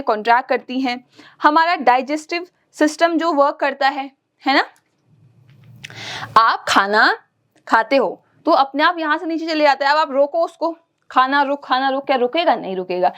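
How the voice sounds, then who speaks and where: A woman teaching a science lesson to young children. She asks the class questions and answers them herself, checks in with them often, and clears her throat now and then. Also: sits high, fairly bright tone. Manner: frequent check-ins to the class.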